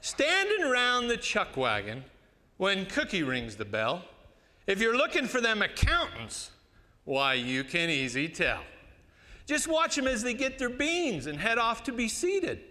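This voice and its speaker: A man with an American West cowboy twang recites cowboy poetry in a folksy drawl with dramatic pauses. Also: sits high, huge pitch swings, bright, forceful tone. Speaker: cowboy poet. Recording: reverberant hall.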